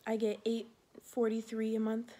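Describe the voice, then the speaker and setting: Young woman, twenties, slightly high, warm flat delivery, rambling vlog chat, short of breath. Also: normal speed. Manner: rambling, many fillers like "like" and "um". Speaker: Air Force security forces member.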